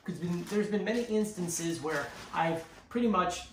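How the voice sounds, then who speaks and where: A man's voice: sits high, moderate pace. A young man vlogging casually at home, walking through his hiking gear in a rambling, chatty way. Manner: chatty, rambling with fillers and restarts. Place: living room floor, indoors. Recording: roomy, distant camera mic, faint hiss.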